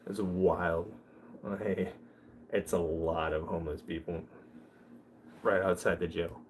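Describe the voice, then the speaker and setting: A man's voice: deep voice, fairly even intonation, slow, a little hiss or hum. A young man chatting casually on a livestream, telling rambling, joking stories. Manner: rambling storyteller, loose and joking. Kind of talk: casual live chat.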